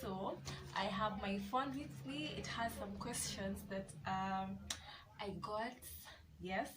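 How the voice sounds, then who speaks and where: A woman's voice: mid-range voice, slow pace, far from the mic, low-quality recording. A woman in her twenties from Kenya with a Kenyan accent, chatting casually to camera as a vlogger and repeating herself with lots of yeses. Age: 20s.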